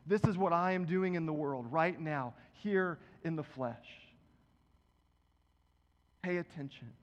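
A man's voice: a little high, takes it slowly. A man preaching a sermon, reading scripture aloud and talking to the congregation in a casual way. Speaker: pastor. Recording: dull, reverberant hall.

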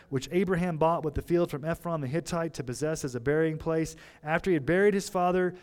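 Animated pastor preaching, man. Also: on the high side. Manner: animated, with big swings between loud emphasis and quiet asides; conversational, explaining scripture with rhetorical questions. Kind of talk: expository sermon.

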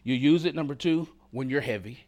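Guy preaching a sermon, keeps asking the room if they're with him, gets loud then drops to a whisper. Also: medium pitch, a little fast. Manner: dynamic, swings from loud to whispered; conversational, calls to the congregation.

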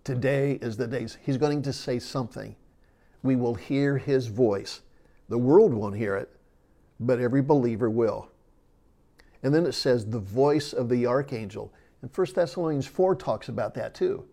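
A man gives a sermon-style Bible lesson in a mellow, dark-toned voice. He explains things earnestly, with casual fillers, and slows down to lean on key phrases. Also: mid-range voice. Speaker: Bible teacher.

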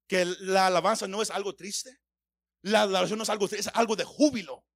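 A man with a high, gravelly voice preaches. He stumbles over repeated words before surging into loud calls, and the sound is close and dry with no room echo. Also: steady tone, brisk. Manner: stammering restarts, rising to shouts. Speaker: pastor. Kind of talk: sermon.

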